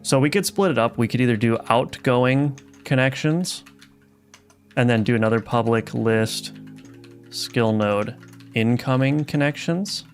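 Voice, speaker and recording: A game developer codes on a live stream and reads his chat, talking in a relaxed, think-aloud style packed with fillers and restarts. His medium-pitched voice keeps a measured pace against soft lofi background music.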